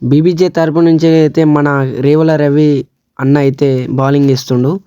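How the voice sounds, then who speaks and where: A man's voice: on the high side, flat delivery, fairly quick, mellow, clean tone, no echo, dull audio. A man with a Telangana Telugu accent narrating a local tournament vlog in a casual way. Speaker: vlogger presenting a local tournament.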